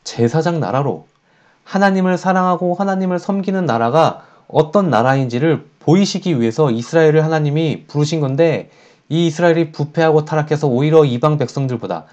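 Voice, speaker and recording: A man preaching a children's sermon as a pastor, speaking in an animated way and acting out the voices of the people in his stories. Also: a little high, highs cut off. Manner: animated, acts out voices of sinners and God in quotes.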